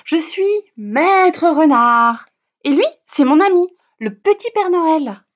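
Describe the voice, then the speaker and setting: A woman voicing a cheerful, excitable fox, bouncy and enthusiastic. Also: high voice, slow pace, voice pushed up. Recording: dull lo-fi recording.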